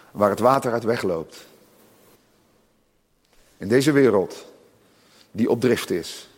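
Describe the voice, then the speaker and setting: A man preaching a sermon in a church, impassioned, rising loud and high on his points. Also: husky. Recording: long reverb of a church hall.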